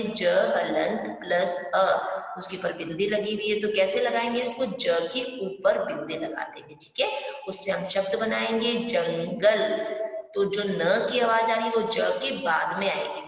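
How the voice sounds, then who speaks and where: A woman with a medium-pitched voice teaches a primary school language lesson online, patiently explaining each point step by step and often asking her pupils questions. She sits far from the microphone in a very echoey room with a long reverb tail, and the audio sounds somewhat dull.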